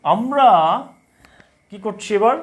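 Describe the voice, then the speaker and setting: Man, high voice, grammar teacher, live online class, repeats every question and answer. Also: slow pace. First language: Bengali. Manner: repeats questions and answers himself, drilling students. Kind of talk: live online class, reading chat comments.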